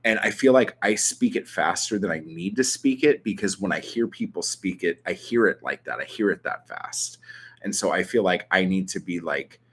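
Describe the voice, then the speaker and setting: Husky and a bit bright, his low voice turns expressive as this young Southern Californian host fields viewer questions at a moderate pace. The chat is casual and rambling, packed with ums and likes, with a swear here and there.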